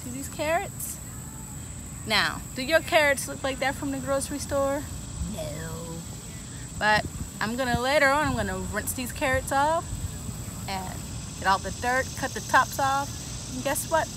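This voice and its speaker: Seated on a bench in an outdoor garden, a woman in her thirties reads a picture book aloud to children, then tours the plants with them. Her voice is high and unhurried, with frequent pauses, and she engages the kids directly with lively questions. The audio comes from a camera a few feet off, no mic in sight, with insects droning steadily.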